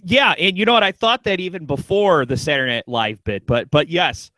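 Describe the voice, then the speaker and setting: Joking radio host guy, keeps restarting sentences, slightly high voice. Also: a little fast, bright, forceful tone, no echo, low-quality recording. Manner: joking, lots of restarts and stammers. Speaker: radio talk show host. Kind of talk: casual chat.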